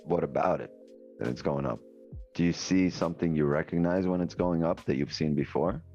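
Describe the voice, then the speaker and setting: A man's voice: very deep voice, fairly quick, darkish tone. A man co-hosting a livestream in informal, slangy, joking casual chat. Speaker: livestream co-host. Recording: slightly dull, lo-fi, music behind. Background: music.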